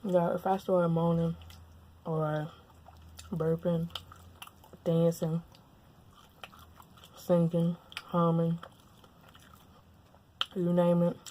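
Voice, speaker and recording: A woman's voice: fairly low pitch, flat delivery, drawn-out words, pauses often, mellow, slight background noise. A young woman from Louisiana chatting casually at home while eating, sometimes talking with her mouth full. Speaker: mukbang vlogger. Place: at home, indoors. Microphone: lapel mic.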